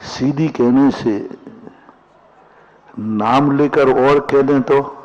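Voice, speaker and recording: A male Jain monk preaches in a slow, deliberate storytelling manner, slipping into little acted quotes and folk sayings. His voice sits at an ordinary middle pitch. The recording sounds dull and lo-fi, like a broadcast capture. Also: steady tone, a little mellow. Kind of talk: sermon.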